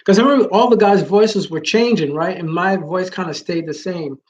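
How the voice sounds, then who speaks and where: In this muffled recording, a male vlogger chats casually and briskly with his viewers live. His voice is naturally high and loud, and he rambles with lots of fillers and restarts.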